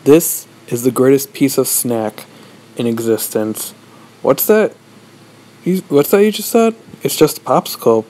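A young man giving a rambling, deadpan comic monologue, posing as a lecturer. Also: medium pitch, a little slow, low-quality recording. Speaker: vlogger. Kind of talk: mock-serious comedic monologue.

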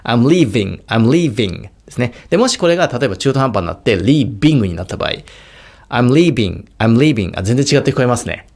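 A man's voice: medium pitch, very animated, rapid-fire, vocal fry, few pauses. A man from Japan who teaches English on YouTube, reviewing a product in casual talk and sounding out consonants to demonstrate.

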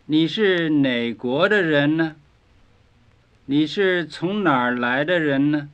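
A man teaching a scripted language lesson, speaking in slow, carefully enunciated drill phrases, on a dull lo-fi 1950s record. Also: fairly high pitch, animated, clean tone.

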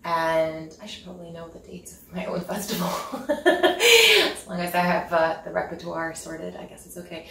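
Recorded in an echoey home living room with a piano, the distant camera mic catches a roomy sound with a little hiss or hum. The speaker, a Norwegian woman and concert pianist guesting in a casual interview, has a gravelly low voice that's a bit bright. She's chatty and giggly, full of ums and restarts.

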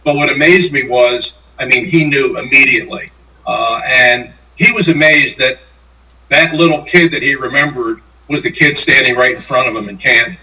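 A man's voice: medium pitch, normal speed, pushed and bright, recorded from a distance. An older man answering interview questions with long anecdotes, acting out the lines he quotes. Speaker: guest, sportswriter and playwright. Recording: roomy, off-mic sound.

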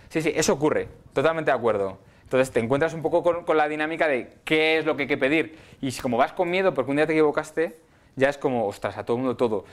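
A middle-aged man lecturing physiotherapy students in a casual way, often checking in with "¿vale?". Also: medium pitch. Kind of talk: university lecture. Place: lecture hall.

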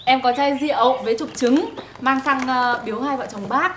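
A woman's voice: high voice, fairly quick, a little hiss or hum, close to an everyday voice. A woman playing a village mother who politely begs an official's wife to help her son. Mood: pleading. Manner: pleading, deferential.

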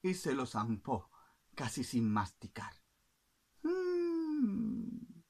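A woman telling a folk tale to the camera in a playful, expressive way, with sound effects. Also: a bass voice, a little slow, a little hiss or hum. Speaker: storyteller. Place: in front of a camera.

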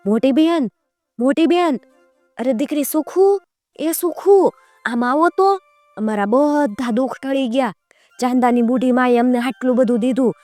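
A woman voicing a village mother who cries out high and loud. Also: no room sound, natural voice. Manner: high, crying out. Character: frantic, wailing mother calling for her lost daughter.

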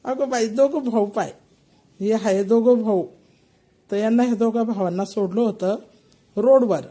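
Older woman, warm dark tone, casual home video, baby-talk to pets. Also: a little high, unhurried. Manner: coos and talks baby-talk to her cats. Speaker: vlogger showing her pet cats.

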